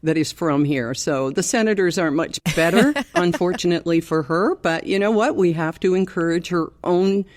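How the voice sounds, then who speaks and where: A woman's voice: lowish voice, normal speed, few pauses, darkish tone. An older woman with a Canadian accent chats casually as a podcast co-host, recording with a towel over her head in a hotel room. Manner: chatty, laughs easily. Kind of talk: casual chat. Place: hotel room, under a towel with pillows behind the mic.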